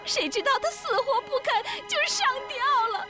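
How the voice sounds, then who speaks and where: An actress playing a fawning, wily brothel madam in a period TV drama, speaking in a shrill, ingratiating way. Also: female voice, big pitch swings, a little fast. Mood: defensive. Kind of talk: TV drama acting. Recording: film soundtrack with music.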